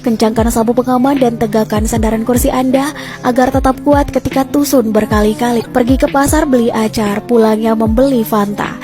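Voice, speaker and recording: A woman speaks like a cabin announcer, formal and polished, her voice a touch high. Music plays behind her. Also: steady tone, brisk. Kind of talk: mock flight announcement.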